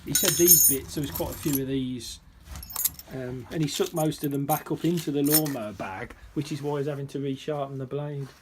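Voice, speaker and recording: A man's voice: mid-range voice, fairly quick, noisy background. A man chatting casually with a friend, teasing with dry humour. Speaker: friend and co-presenter. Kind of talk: casual chat.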